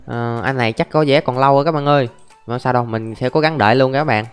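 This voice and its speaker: Smooth and mid-range, the voice belongs to a young gaming YouTuber who talks quickly. In relaxed Let's Play commentary he describes every move and speaks directly to his viewers, while faint music sits in the background.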